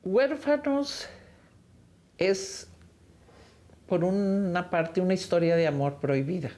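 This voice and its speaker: An older Costa Rican film director reflects on her work in an unhurried interview. Her voice is fairly low in pitch with a dark tone.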